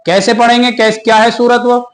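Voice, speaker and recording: A man teaching the steps of prayer in a question-and-answer style. He recites verses slowly with pauses and asks questions that he answers himself. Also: very high voice, level tone, a bit bright. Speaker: religious teacher. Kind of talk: step-by-step prayer lesson.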